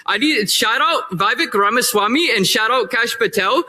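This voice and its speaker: A man's voice: extremely high pitch, lively intonation, normal speed, bright, forceful tone, full character voice. A man doing a crude mocking caricature. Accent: put-on Indian. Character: mocking fake immigrant man, crude heckler. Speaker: public commenter. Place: city council chamber.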